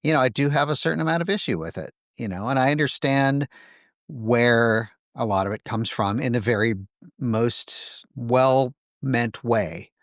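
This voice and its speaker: Male podcast host, mid-pitched, halting and reflective, dry close mic. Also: no room sound. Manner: hesitant, many fillers and restarts while thinking aloud. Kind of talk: casual conversation.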